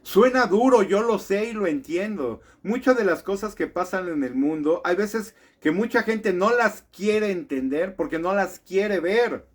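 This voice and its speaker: Male commentator, indignant monologue, slightly higher voice, rhetorical questions. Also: expressive, unhurried, hardly any pauses. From Mexico. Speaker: political commentator.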